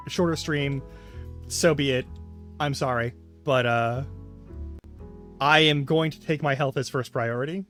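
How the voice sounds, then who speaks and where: A man's voice: medium pitch, fairly bright tone. A man casually chatting and swearing freely while streaming a game. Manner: rambling, frank, swears casually. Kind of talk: casual live-stream commentary.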